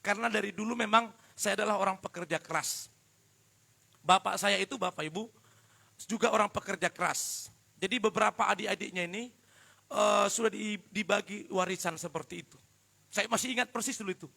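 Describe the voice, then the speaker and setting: A man preaching a live worship sermon, joking with the congregation and swinging from quiet asides to shouted emphasis. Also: high voice, brisk, creaky. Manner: addresses the congregation directly and often. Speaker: pastor.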